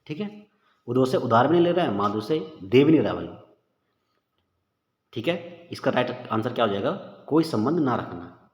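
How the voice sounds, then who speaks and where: A man teaching a casual exam-prep lesson, chatty and informal, calling listeners "bhai" and thinking aloud as he works through the questions. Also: medium pitch. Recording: echoey room with long reverb, dull lo-fi sound.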